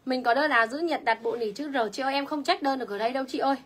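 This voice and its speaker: A woman's voice: sits high, very fast, fairly bright tone. A young woman selling clothes on a livestream, chatty and reading viewer comments aloud. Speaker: online clothing seller. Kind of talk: livestream sales pitch.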